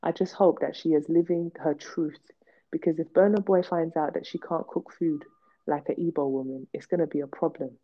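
With a deep voice and fairly even intonation, a woman hosting a podcast recounts her own experiences at a moderate pace. Her delivery is blunt, emphatic, and repetitive for stress, captured in dull lo-fi audio.

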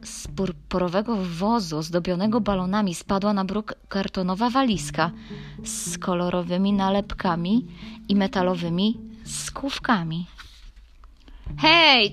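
A woman reads a children's story aloud at an unhurried, deliberate pace. Her delivery is measured and expressive, with faint music playing underneath. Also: fairly low pitch.

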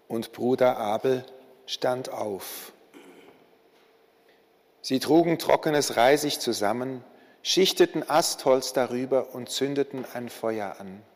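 Pastor guy telling a story slow and solemn, big echoey church sound. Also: medium pitch, darkish tone. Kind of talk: solemn read story in a sermon. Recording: long hall reverb.

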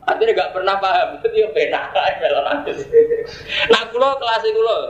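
A man with a Javanese accent giving an informal religious lecture, joking with listeners and slowing down to recite Arabic verses. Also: high voice, animated, roomy sound, muffled recording. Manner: jokey, mixing Javanese chatter with slow Arabic recitation. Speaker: Islamic cleric teaching a classical text.

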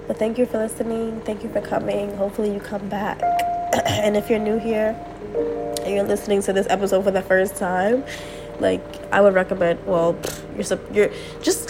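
A young woman recovering from a cold hosts a personal podcast, venting candidly late at night and saying the same things again. Her voice is medium-pitched and creaky. The recording quality is low.

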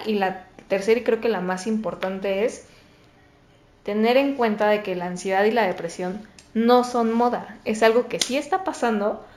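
A woman with a Mexican accent in casual conversation, talking animatedly and fast, often mimicking other people. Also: mid-range voice, a little mellow, reverberant. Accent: Mexican Spanish. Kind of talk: casual chat.

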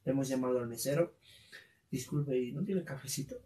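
Man, Bolivian accent, podcast co-host, animated storytelling, echoey room. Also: mid-range voice, a little fast. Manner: animated, laughing, slangy storytelling. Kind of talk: casual chat, storytelling. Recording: roomy, distant from the mic.

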